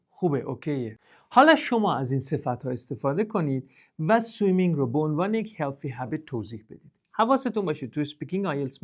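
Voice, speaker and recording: A male English teacher, explaining vocabulary step by step and switching to slow, careful English examples. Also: fairly high pitch. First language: Persian. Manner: demonstrates pronunciation with puffs of air. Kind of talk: spoken language lesson.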